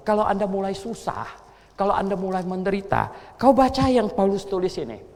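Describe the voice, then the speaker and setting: A man preaching a sermon in a church hall, sliding from low, confiding asides to loud, ringing exclamations and repeating key phrases to drive them home. His voice sits fairly high and has a gravelly edge. A long reverb trails behind every word. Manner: repeats phrases for emphasis and addresses the congregation directly. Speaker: pastor.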